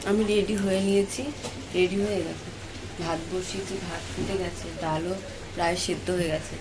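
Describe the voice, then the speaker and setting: A woman with a Kolkata Bengali accent talks to her viewers in a soft, lowish voice, worn out from a night without sleep. She repeats herself and keeps checking that they are following. A clear hum of household noise sits behind her home recording. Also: steady tone, fairly quick. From West Bengal, India. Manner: talks softly, repeats herself, asks "ঠিক আছে?". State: tired from no sleep. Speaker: vlogger, mother. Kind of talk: casual vlog chat to viewers. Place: home, kitchen and bedroom.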